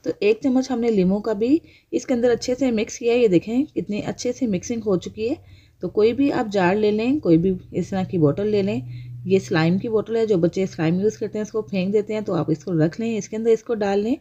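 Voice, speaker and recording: A woman's voice: mid-range voice, a little fast, dark tone, dull audio. A woman hosting a home remedy channel, speaking in a chatty, repeating how-to voice-over addressed to the viewer. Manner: chatty, repeats instructions, talks straight to the viewer. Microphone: voice-over over hands-only cooking footage.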